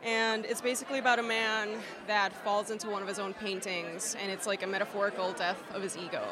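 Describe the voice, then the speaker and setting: A woman's voice: medium pitch, flat delivery, a little fast, low-quality recording. A woman giving a casual interview as a film director. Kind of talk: casual red carpet interview. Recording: busy crowd around the voice. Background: crowd chatter.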